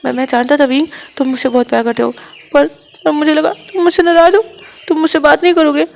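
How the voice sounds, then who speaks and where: A woman's voice: sits high, fairly even intonation, fast, creaky, voice pushed up. Woman putting on a stammering, pleading young man. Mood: tearful. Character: clingy tearful young adult man, pleading lover.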